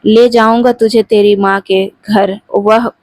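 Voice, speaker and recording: A woman's voice: mid-range voice, flat delivery, takes it slowly, a little mellow, dry recording, natural voice. A woman voicing a harsh, threatening husband. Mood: angry threatening. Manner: scolding, threatening.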